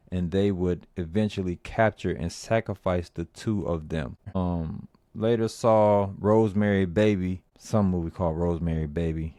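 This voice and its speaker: A man gives casual, slangy commentary. He rambles and gets animated when he rants. The sound is dry and close, with little room echo. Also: deep voice. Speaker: movie review vlogger.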